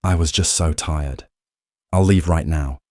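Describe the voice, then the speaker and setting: Scared young maid begging and stammering, a guy doing her voice, low-pitched. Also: a little slow, a little mellow, dry recording, clean studio sound. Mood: frightened, pleading. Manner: pleading and stammering. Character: frightened young woman maid.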